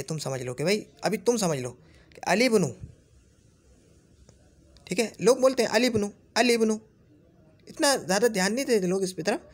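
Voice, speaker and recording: High-voiced man teaching Arabic grammar. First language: Urdu. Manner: repeats example words slowly, asks "theek hai?". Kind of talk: explaining a grammar lesson.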